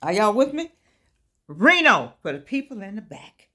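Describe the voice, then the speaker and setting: A woman's voice: medium pitch, big pitch swings, normal speed, sharp tone. Woman, 80s, folksy motivational talk, preachy, repeats herself. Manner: folksy, preachy, repeats phrases, calls listeners baby. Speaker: life coach vlogger. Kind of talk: casual motivational talk to camera.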